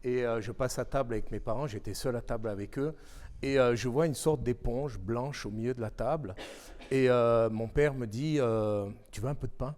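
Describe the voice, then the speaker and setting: A man with a southern French accent, a chef speaking on a panel, telling lively, funny stories to an audience. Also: medium pitch, moderate pace. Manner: storytelling, animated, humorous. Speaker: chef speaker at a health talk. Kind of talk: lively anecdotal panel talk. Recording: long hall reverb.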